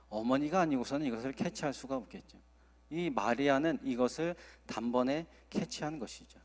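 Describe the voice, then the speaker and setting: A male associate pastor preaching a sermon at a Friday service, earnest and acting out quoted dialogue. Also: medium pitch. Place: church sanctuary. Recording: long church hall reverb.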